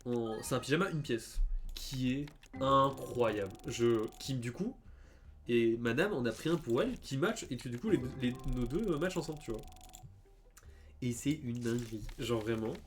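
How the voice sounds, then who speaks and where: There's a little hiss or hum as a young man streams a game in a medium-pitched voice at moderate pace. He casually tells a story while playing, animated, with heavy fillers and stammering.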